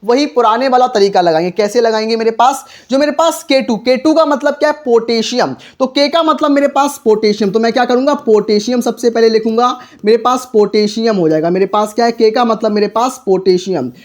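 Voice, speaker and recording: Brief: high-pitched male teacher, talks himself through problems with questions and repeats each step. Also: brisk, few pauses. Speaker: chemistry teacher. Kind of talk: lesson.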